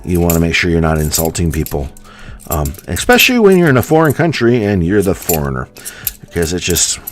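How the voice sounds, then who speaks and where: Soft music sits behind a brisk, low-voiced American man whose pitch swings hugely as he chats with his live stream audience about coin hunting. He rambles on in a General American accent, filling his talk with ums and likes.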